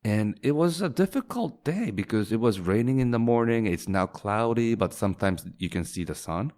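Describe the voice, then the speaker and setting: With a lowish, darkish, expressive voice and a moderate pace, a man who grew up in Singapore chats as a startup founder in a casual interview. He keeps restarting his phrases and uses a lighter voice whenever he quotes others.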